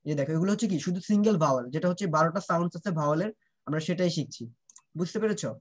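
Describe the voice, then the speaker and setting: Quick-talking man teaching a kids' class. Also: high-pitched. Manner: drills sounds, checks often if students understand; mixes Bengali and English. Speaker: English teacher. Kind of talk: online class for children.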